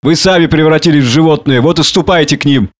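Casting: a man playing a drunk, self-pitying ex-doctor, ranting high and loud. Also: fast, lightly acted. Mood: scornful. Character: drunken bitter ranting male exile doctor. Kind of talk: audiobook reading.

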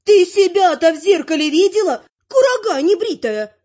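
A woman voicing a spry, sharp-tongued, bossy old grandmother in a brisk, scolding way. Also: high-pitched, lively intonation, voice pushed up. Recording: muffled lo-fi recording.

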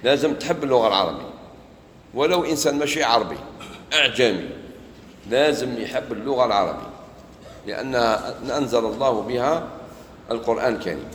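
A man's voice: mid-range voice, lively intonation, fairly quick, pauses often, roomy sound, long reverb tail, a little hiss or hum, low-quality recording. A man with an Algerian Arabic accent giving a Quran commentary lesson, talking conversationally and acting out everyday dialogues. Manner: conversational, mixes formal and colloquial speech, acts out street dialogues. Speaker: preacher.

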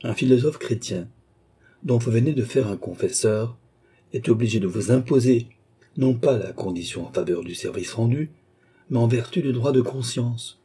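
Storybook doctor, read by a man: grave, commanding, dark husky tone. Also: medium pitch, moderate pace. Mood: solemn. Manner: solemn, commanding exhortation. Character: stern older male doctor, grave moralist. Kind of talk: audiobook character voice.

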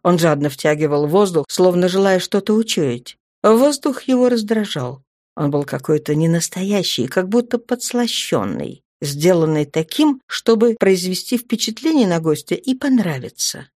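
A woman reading a fantasy audiobook in an even, expressive storytelling manner. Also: fairly low pitch, moderate pace, dry recording, studio quality. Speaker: audiobook narrator. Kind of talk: audiobook narration.

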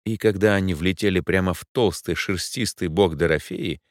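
A man narrating a story aloud in an expressive way. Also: low voice, normal speed, dry recording, clean studio sound. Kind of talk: audiobook narration.

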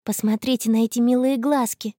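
A woman's voice: a little high, fairly even intonation, a little fast, dark tone, no echo, studio quality, natural voice. Anna: a woman reading a gushing teenage girl. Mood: cheerful. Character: cheerful teenage girl in love, dreamy.

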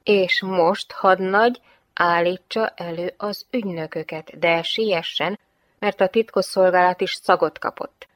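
A commanding middle-aged male police chief issues brisk instructions in a low, dry voice, as a woman narrator puts him on. He speaks with firm authority in a storybook telling. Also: steady tone, no room sound, lightly acted.

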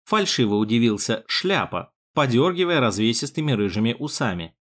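A man narrating an audiobook chapter in first person with an expressive reading. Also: medium pitch, normal speed. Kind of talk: scripted narration.

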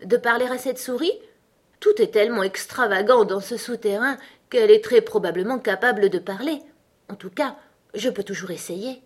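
A woman's voice: fairly high pitch, normal speed, slightly rough. A woman voicing a curious, polite little girl who talks eagerly to please. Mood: wondering.

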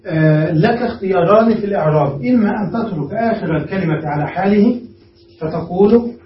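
Male grammar teacher, high-pitched, explains patiently step by step and checks in with students; recorded far off in an echoey room. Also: a little fast. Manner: explains step by step, often asks the class "understood?". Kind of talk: classroom grammar lesson. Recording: roomy, distant, dull lo-fi room recording with faint noise.

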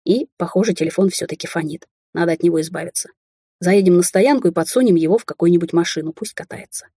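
A woman's voice: on the low side, quick pace, mellow, breathy edge, no room sound, clean studio sound. A woman voicing a young Chinese heir. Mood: worried. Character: young Chinese man, rich heir, hot-tempered.

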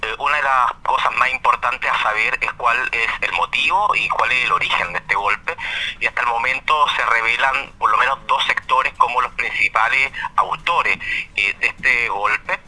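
Male phone-in correspondent, heard through the phone, bright edgy tone, careful explainer who hesitates often. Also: mid-range voice. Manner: measured explainer with frequent hesitation fillers. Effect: heard over a phone line. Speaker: caller, radio correspondent. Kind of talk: live call-in news update.

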